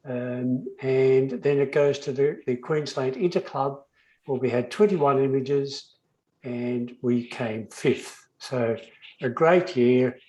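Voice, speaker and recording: A man's voice: mid-range voice, slow, a little mellow, highs cut off. A man presenting to an online club meeting over a video call, hesitant and full of fillers. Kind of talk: casual online meeting talk.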